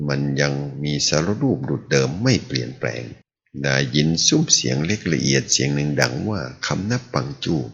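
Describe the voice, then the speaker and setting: A man reading a translated martial-arts novel aloud as the serial's narrator, telling it in an animated way. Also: extremely low pitch, a little fast, vocal fry, slightly rough. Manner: animated storytelling. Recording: dull lo-fi audio.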